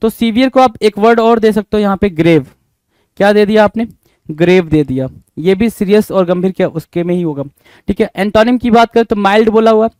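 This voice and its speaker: Man, vocabulary teacher, high voice, dry close sound, repeats quiz questions. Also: fairly quick, darkish tone, no room sound. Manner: repetitive quizzing asides. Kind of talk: exam vocabulary lesson.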